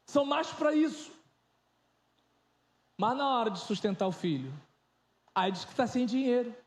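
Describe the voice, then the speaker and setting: A man in his thirties preaching an informal, joking sermon, swinging between loud and soft. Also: very high-pitched, expressive, normal speed, echoey room. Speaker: pastor.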